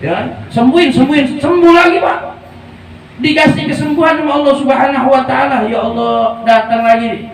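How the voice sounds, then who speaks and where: Lively preacher in an echoey hall. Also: male voice, very high voice. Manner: lively, joking, slangy. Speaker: religious preacher. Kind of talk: informal sermon with storytelling. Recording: echoey, distant room mic with faint ambient noise.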